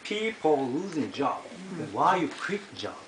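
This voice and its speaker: A middle-aged Japanese man with a Japanese accent gives a personal testimony to a small group gathered in a home living room. His fairly high, very animated voice is halting, full of filler pauses and frequent throat-clearing. A camera across the room picks him up in an echoey space with background noise.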